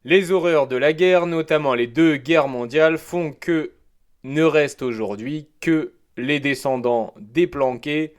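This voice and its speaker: A man's voice: a little high, measured pace. A man hosting a prepared solo talk show, delivering an opinionated, provocative monologue with wordplay asides and frequent hesitations. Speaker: show host.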